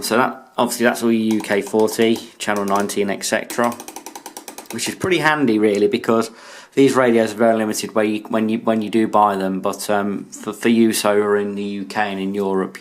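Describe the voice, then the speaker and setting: A British man from the United Kingdom with a lower-pitched voice narrates a casual product showcase, speaking in a halting, laid-back way. He's a radio hobbyist presenting a video from a room indoors, with slight background noise.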